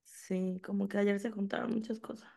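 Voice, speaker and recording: A woman's voice: medium pitch, flat delivery, normal speed, vocal fry, mellow. A woman with a Mexican accent, a psychologist co-hosting a podcast, talking in a playful, confiding way. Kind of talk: casual chat.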